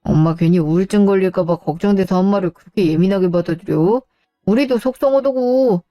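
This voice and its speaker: A woman's voice: mid-range voice, a little fast, warm tone, no echo, clean studio sound, faint music behind, natural voice. A woman voicing a grown son in a radio drama, an overworked civil servant who complains in a whiny, defensive way.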